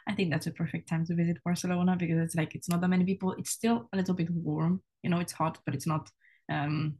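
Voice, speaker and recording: A woman's voice: on the low side, level tone, fast, mellow. A young woman from Spain, a university student, chatting casually as a podcast guest, with many "like" and "you know" fillers. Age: young adult.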